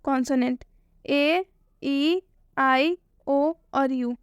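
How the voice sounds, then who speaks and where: A woman gives a spoken English lesson. She asks questions and answers them herself, and she repeats each point slowly. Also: high-pitched, no echo, studio quality. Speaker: English teacher.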